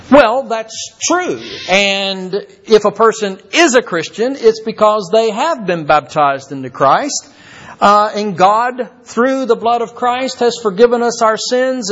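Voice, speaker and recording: An older man from Kentucky preaches a sermon, stumbling over his words and repeating them. His voice sits slightly high. The recording is dull and muffled. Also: a bit bright. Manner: halting, repeats words with many fillers. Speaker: visiting preacher.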